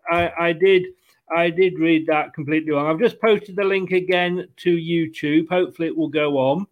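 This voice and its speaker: A man's voice: fairly high pitch, steady tone, moderate pace, phone-quality sound. A man hosting a fan football show, chatting casually in an apologetic, talkative way.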